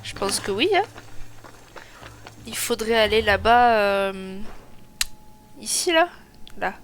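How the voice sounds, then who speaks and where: A woman's voice: mid-range voice, lively intonation, slow, slight background noise. A woman giving chatty, self-mocking let's play commentary, thinking aloud as she plays. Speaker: gaming streamer. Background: game music.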